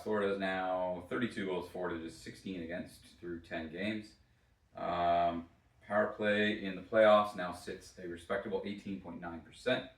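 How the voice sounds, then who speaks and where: Man, hungover, low-pitched, halting sports podcast host, roomy echo. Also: gravelly. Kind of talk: casual solo sports podcast commentary. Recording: roomy echo, distant from mic.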